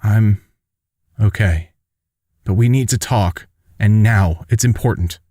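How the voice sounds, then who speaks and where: A man reading a determined young heroine in a sci-fi fan audiobook, with a very low, dry voice that stays close to his own. The delivery is plain and urgent. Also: slow, warm tone, no room sound.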